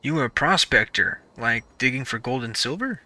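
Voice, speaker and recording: A man voicing a bright curious young wanderer. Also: mid-range voice, animated, normal speed. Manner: plain questioning tone. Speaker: player character. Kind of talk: video game dialogue.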